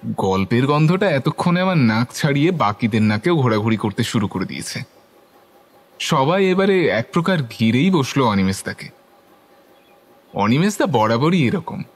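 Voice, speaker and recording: A male actor with a medium-pitched voice plays a curious young club member, narrating a ghost story in the first person with scripted dialogue.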